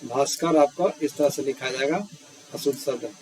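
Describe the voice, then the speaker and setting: In a rough recording with faint hiss, a man teaches grammar through a spelling quiz, reading out words and their answer options in turn and repeating each word. His mid-range voice is a little mellow and moves at a moderate pace.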